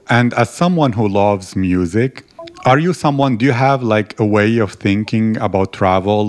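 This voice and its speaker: A man's voice: lowish voice, smooth, dry recording. A man hosting an interview, asking long, winding questions. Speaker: podcast host.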